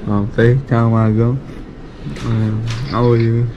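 A man's voice: medium pitch, flat delivery, normal speed, muffled recording. A young adult man chatting casually to his camera as a vlogger, laid-back and slangy, his speech slightly thick and slurred. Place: small clinic room, car and bedroom. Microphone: camera at arm's length. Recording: noisy handheld camera audio with room ambience.

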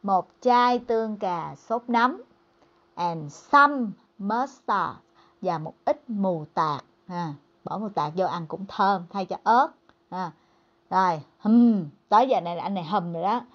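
A woman English teacher giving a bilingual lesson. She reads dialogue lines slowly and clearly, then explains them in a chatty tone. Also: mid-range voice, muffled recording.

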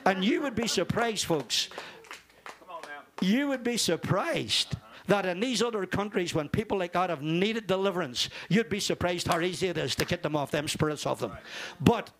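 A man's voice: sits high, animated, normal speed, fairly bright tone. An older man preaching an informal sermon, fervent and rambling, dropping in amen and hallelujah. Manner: rambling, repeats words.

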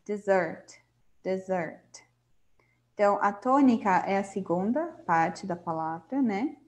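A Brazilian woman, a native Portuguese speaker, giving an online English lesson, explaining words slowly and often checking in with her students. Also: mid-range voice, animated. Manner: patient, checks in often with questions. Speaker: English teacher.

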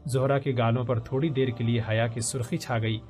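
A male narrator telling a historical drama in an expressive, dramatic reading voice. His pitch sits mid-range, and soft music plays under him in a studio voice-over.

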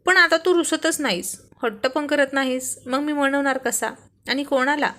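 A woman's voice: high-pitched, normal speed, a bit bright. A woman voicing a playful, teasing young husband in a read-aloud story. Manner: teasing, affectionate.

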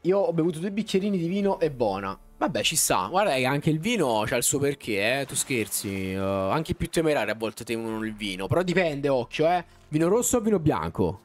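A man's voice: medium pitch, a little fast, few pauses. A man casually commenting on his gameplay live, slangy and talking to his chat. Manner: animated, slangy, talks to chat. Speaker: streamer. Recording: faint background music.

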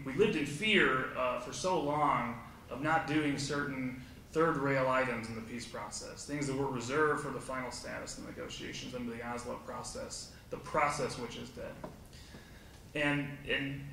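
A man's voice: medium pitch, slight background noise. Emphatic man speaking from far off in an echoey hall. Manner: forceful, sarcastic, emphatic. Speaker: panelist. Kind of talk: panel discussion argument. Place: conference hall.

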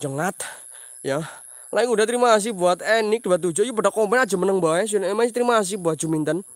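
A man's voice: high-pitched, lively intonation, fast talker. A man hosts a live ghost-hunting stream outdoors at night. He talks into a phone as he walks, jumping at noises, muttering prayers and reading out viewers' names. The sound is close and dry, with no room echo. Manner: jumpy, praying aloud, reading out viewer names. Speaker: livestream host exploring at night.

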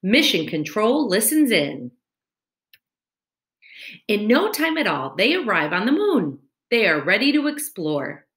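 Speaking at a medium pitch, unhurried and pausing often, a thirtysomething woman reads a picture book to young children with a teacher's expressiveness. The screen-recorded webcam video was made in a room at home on a computer mic at webcam distance, and the sound is echoing and spacious.

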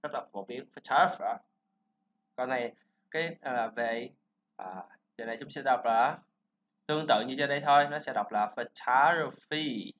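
A man teaching a pronunciation lesson, explaining sounds and repeating words slowly for learners to copy. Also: medium pitch, fairly bright tone, a little hiss or hum. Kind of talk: classroom-style pronunciation lesson. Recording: slightly dull lo-fi recording.

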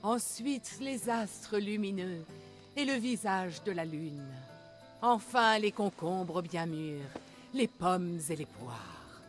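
An actress playing an older, proud poetess in a video game, declaiming theatrically like a stage performer. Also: female voice, lowish voice, big pitch swings, slow, soft background music. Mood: theatrical reciting. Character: grey-haired old poetess, proud, theatrical, fond of her art. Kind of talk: video game character acting in French dub.

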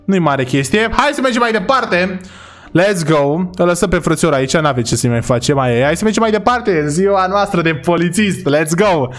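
A young man from Romania giving excitable, chatty commentary while playing a video game, talking to his viewers. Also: sits high, soft background music. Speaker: gaming YouTuber. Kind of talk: gameplay commentary.

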